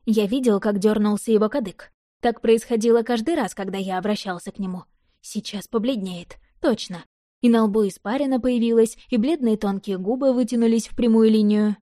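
A woman narrates a first-person audiobook in a measured, expressive way. Her voice is mellow and warm, and it sits at an everyday middle pitch. The recording is close and dry. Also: dry recording.

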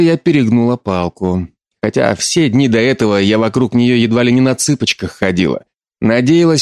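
A man narrating an audiobook chapter in a steady, measured reading. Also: medium pitch, no room sound, clean studio sound. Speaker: audiobook reader. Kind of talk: scripted narration.

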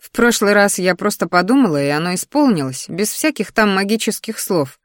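A woman's voice: mid-range voice, big pitch swings, brisk, dry recording, studio quality, lightly acted. A woman voicing a young, stubborn heroine in a fantasy audiobook, wry and grumbling.

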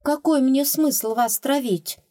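Woman doing a nervous young thief girl, higher and eager, dry sound. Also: expressive, normal speed, darkish tone, no room sound. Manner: raised, eager and jittery.

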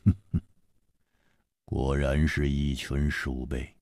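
A man voicing a sinister male swordsman who talks slowly and menacingly in a whining, half-crying way. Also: rumbling low, level tone, mellow, dry recording, clean studio sound, voice pushed down. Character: sinister male swordsman with a weeping mask-face.

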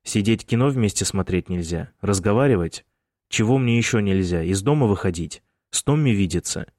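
A man's voice: sits low, measured pace, a little mellow, no echo, studio quality. A man reading the part of an annoyed young man defending himself against his mother, terse and irritated.

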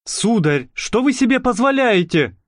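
A man voicing a polite young gentleman who tries to sound brave despite his nerves. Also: on the high side, sing-song, slow pace, dry recording, studio quality. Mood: nervous. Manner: courteous, strained bravado.

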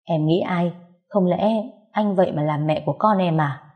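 A woman voicing Phong, a gentle teasing husband. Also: on the low side, normal speed, narrow, tinny audio, natural voice. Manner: soothing, lightly teasing. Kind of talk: audio story character voice.

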